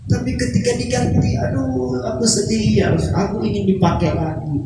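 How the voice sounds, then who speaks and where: A man voicing an old wooden pulpit that weeps, speaking in a high, tearful, pleading voice. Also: expressive, normal speed, distant mic, over music. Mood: tearful, yearning. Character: weeping old wooden pulpit, tender and sorrowful. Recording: echoey hall.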